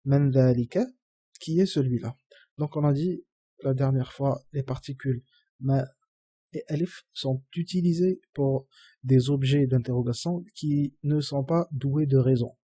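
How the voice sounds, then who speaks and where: Slow, dark-voiced male teacher. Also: mid-range voice, slightly rough, no room sound. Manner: patient, repeats each phrase slowly. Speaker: Arabic teacher. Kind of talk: slow classroom explanation.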